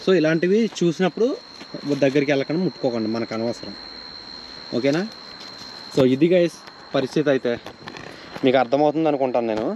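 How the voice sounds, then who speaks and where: A man vlogging a ghost hunt in a forest, talking straight to his viewers and shouting when startled. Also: medium pitch, fast, long pauses, a little hiss or hum. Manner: addresses viewers as "guys", shouts and yells when scared. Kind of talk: excitable horror vlog narration. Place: outdoors in a forest. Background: background music, crickets.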